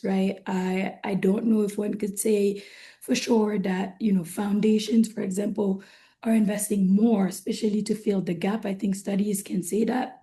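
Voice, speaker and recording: A woman speaking as a panelist on an online discussion, her voice hoarse and not its usual sound, talking in a measured way and often checking in with "right?". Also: mid-range voice, mellow. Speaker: panelist from an investment firm. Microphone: video call.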